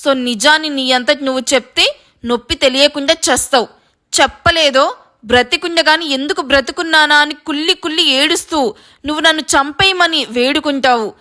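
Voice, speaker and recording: A woman's voice: high voice, normal speed, sharp tone. A woman voicing a cruel, short-tempered young man who gives cold, threatening commands in an audio story. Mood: menacing.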